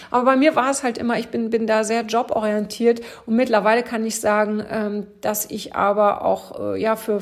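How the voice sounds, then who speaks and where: A woman giving a motivational talk to her listeners, encouraging and speaking to them directly, sometimes slowing into a whisper for emphasis. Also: fairly high pitch. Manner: encouraging, addresses listener directly, frequent "ja" tags.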